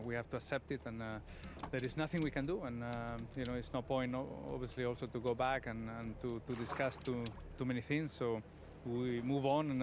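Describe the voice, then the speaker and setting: Halting racing driver answering press. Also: male voice, medium pitch, background noise. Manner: halting, full of "uh" fillers and repeated words.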